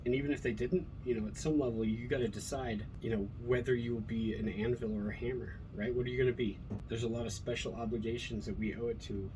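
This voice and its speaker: Talking at a quick clip with hardly any pauses, a middle-aged American from Colorado keeps his mid-range voice fairly even in pitch. He rambles casually, earnest and straightforward, cursing freely, over noticeable background noise.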